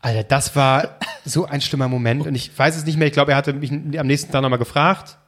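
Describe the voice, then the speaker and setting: A man's voice: fairly high pitch, steady tone, a little fast, a bit bright. A young man telling a story in casual chat, rambling and hesitant, often breaking into laughter.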